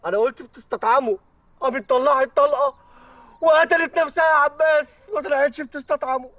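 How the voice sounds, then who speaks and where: A man's voice: very high-pitched, quick pace, pushed and bright, dry recording. An actor playing a panicked man who insists he saw a corpse, speaking with an Egyptian accent. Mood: frantic. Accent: Egyptian Arabic. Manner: frantic, protesting, insistent. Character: panicked man named Abd Saboor, insisting he saw a body. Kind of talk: Egyptian TV comedy acting.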